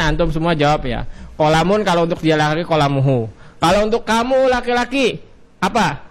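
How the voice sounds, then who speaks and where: A man with an Indonesian accent teaching an Arabic grammar lesson, drilling each form with a rising cue and a falling answer, and drawing out the Arabic words slowly. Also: a little high. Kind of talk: classroom lesson.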